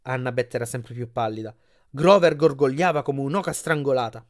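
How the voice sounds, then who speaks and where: A man reading an audiobook chapter aloud with expressive delivery. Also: mid-range voice, brisk. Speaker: audiobook reader.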